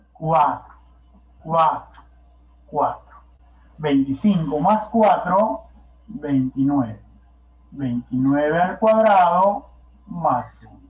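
Male Peruvian Spanish math teacher, high animated voice, slow, echoey room. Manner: coaxing, peppered with rhetorical questions. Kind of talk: classroom lecture. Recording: echoey, dull lo-fi classroom recording.

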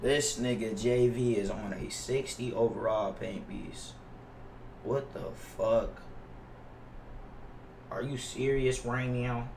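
Playing a basketball video game indoors at his setup, a young American streamer gripes to chat in slang and plenty of swearing. His medium-pitched, darkish voice is steady and slow with vocal fry and long pauses, picked up by a roomy, slightly distant mic over faint noise.

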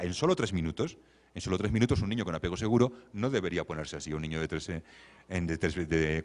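A man gives a lecture while commenting on a video. He talks in a lively, wry way and acts out what the children and mothers say. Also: on the low side. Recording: long hall reverb.

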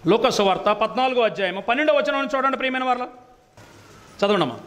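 A man's voice: very high voice, fast talker, a bit bright. A man preaching a sermon to a congregation, emphatic and repetitive, firing rhetorical questions at his listeners. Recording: long reverb of a hall.

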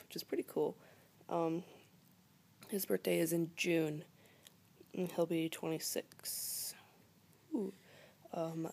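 Chatty young woman, mellow low voice. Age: 20s. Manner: chatty, rambling with many fillers, drops to a whisper at times. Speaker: vlogger. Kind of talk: casual chat to camera. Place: living room at home, indoors. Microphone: phone or laptop camera held close.

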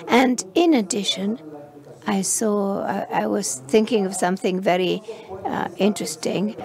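A woman provides live simultaneous interpretation of a conference session, her medium-pitched voice slightly mellow. She halts often as she renders the speakers, restarting phrases and using fillers.

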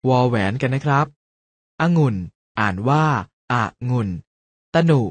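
A teacher with a mid-range voice narrates a lesson for young children, reading slowly and carefully word by word and giving each pronunciation. There's no echo on the recording.

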